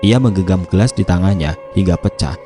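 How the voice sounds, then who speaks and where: A man narrating a scripted horror story in a steady, measured reading. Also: low voice, faint music behind.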